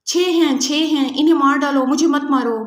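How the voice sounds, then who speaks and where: A woman's voice: high voice, fairly even intonation, echoey room, natural voice. A woman voicing a terrified, begging captive. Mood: pleading terror. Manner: halting, pleading, stammering.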